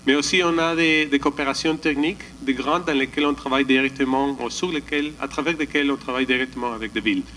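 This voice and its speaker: A man's voice: mid-range voice, steady tone, fast talker, hardly any pauses, pushed and bright, slight background noise, rough recording. A man giving a slide presentation at a conference, hesitant, often restarting and searching for words. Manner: calls for the next slide.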